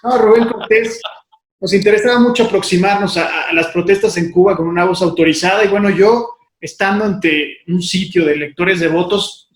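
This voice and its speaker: Hesitant male interviewer in a roomy space. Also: sits high. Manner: admiring, hesitant with many fillers. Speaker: interviewer, host. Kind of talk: interview talk.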